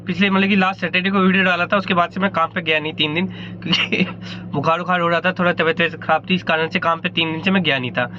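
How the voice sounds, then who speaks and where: This man's voice is high and fairly even in intonation, and he talks fast over a noisy background with the highs cut off. A ride-hailing driver with a mildly sore throat, he narrates a casual vlog from his car and a fuel station, chatty and rambling with self-corrections.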